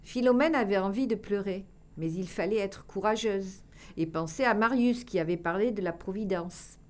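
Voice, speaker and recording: A woman reading a children's tale aloud, expressive and dropping to a hush for dramatic passages. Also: mid-range voice, normal speed. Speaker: storyteller.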